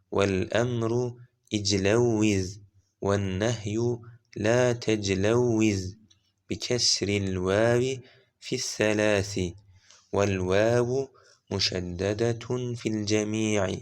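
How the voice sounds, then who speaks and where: A man recites an Arabic grammar book for an audiobook, working through verb forms one by one and spelling out their vowel marks. His voice sits somewhat low and sounds smooth and resonant. He reads very slowly and deliberately. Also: steady tone. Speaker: audiobook reader.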